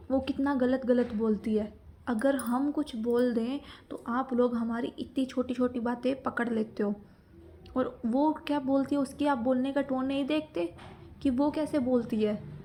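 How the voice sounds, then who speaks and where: A woman's voice: on the high side, warm tone, slight background noise. A young married woman delivering an indignant opinion monologue, lecturing her viewers directly. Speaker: social media commentator.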